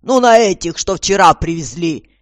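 A gruff, stout commissar, put on by the storybook narrator, barking out orders in a loud, slow, grumbling voice. He is irritable and impatient, and the recording is dry and close. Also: mid-range voice, no room sound, natural voice. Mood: irritated.

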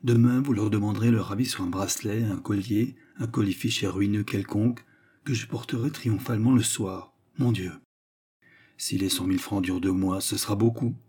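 A man reading aloud and voicing a proud, mysterious young woman who speaks gravely and solemnly. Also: fairly low pitch, fairly even intonation, normal speed, a little mellow. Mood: persuasive. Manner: grave and solemn, at times light.

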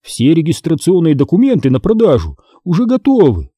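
A man's voice: fairly high pitch, wildly swooping pitch, a little fast, mellow, breathy edge, no room sound, voice pushed up, full character voice. A man reading aloud, voicing a nervous, sweaty older man who halts as he tries to sell his car. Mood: urgent.

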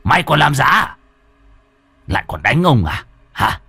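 A man's voice: rumbling low, lively intonation, a little slow, slightly rough, no room sound, voice pushed down, heavily acted. A man playing a lecherous, brutal old village landlord who bullies his servant. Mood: furious. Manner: leering, bullying.

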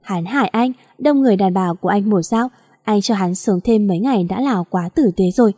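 Brief: woman voicing a tender male gang boss, soft and reassuring, with a husky, warm tone. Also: mid-range voice, fairly quick, lightly acted. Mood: gentle. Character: adult man, protective gang boss lover, tender. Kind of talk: audiobook narration.

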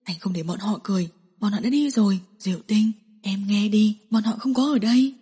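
A woman narrator voicing a gentle, worried young man who speaks softly and soothingly. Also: mid-range voice, fast, husky, long reverb tail. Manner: soft, soothing.

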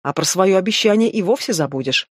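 A woman's voice: medium pitch, animated, a little fast, no echo, studio quality, natural voice. The audiobook reader voicing a sly, playful young female thief who teases, argues and pleads. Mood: teasing. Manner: teasing and coy, then pleading.

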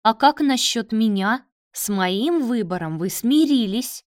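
A woman voicing an eager, bold young woman who is quick to speak up. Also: mid-range voice, expressive, no room sound, studio quality, close to an everyday voice. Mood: indignant.

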